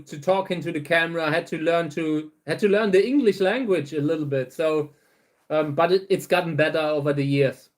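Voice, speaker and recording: A German man, a native German speaker, hosts a relaxed livestream on his channel, chatting with and answering viewers. His voice is fairly high for a man, and he rambles at an easy pace, often restarting words.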